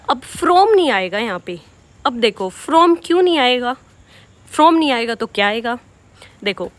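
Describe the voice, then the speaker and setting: Woman, high voice, English vocabulary teacher, patient explanations, checks in often. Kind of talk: exam-prep vocabulary lesson.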